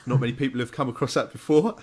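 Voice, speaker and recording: A man's voice: medium pitch, brisk. A man hosting an interview, chatty and full of fillers. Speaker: host. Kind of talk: casual interview.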